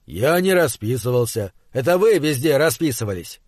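A man's voice: medium pitch, very animated, normal speed, darkish tone, no room sound, clean studio sound. A man voicing a puzzled male radio officer in an audiobook, evasive and defensive.

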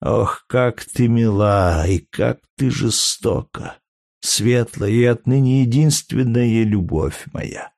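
A man's voice: mid-range voice, slow pace, dry recording, studio quality. A man reading an audiobook, voicing a grieving young Roman mother who speaks tearfully and tenderly. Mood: pleading. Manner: tearful, pleading, softly emotional.

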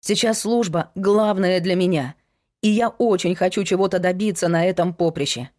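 A woman's voice: lowish voice, normal speed, darkish tone, natural voice. A woman reading a resolute young woman. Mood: firm.

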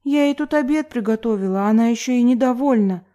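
A woman's voice: medium pitch, moderate pace, warm tone, close to an everyday voice. A woman reading an audiobook, voicing a chatty, cheerful young woman roommate who pouts easily. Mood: pouting.

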